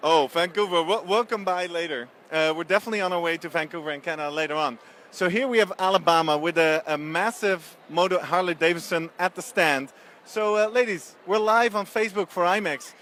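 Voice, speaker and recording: A man's voice: sits high, fairly quick, fairly bright tone, a little hiss or hum. A man roving a trade show floor and interviewing exhibitors live, chatty and upbeat with frequent restarts. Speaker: event reporter.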